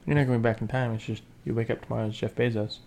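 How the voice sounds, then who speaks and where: A man's voice: medium pitch, fairly even intonation, quick pace, vocal fry, a little mellow. A young man co-hosting a podcast, reading listener questions and teasing his partner in casual chat.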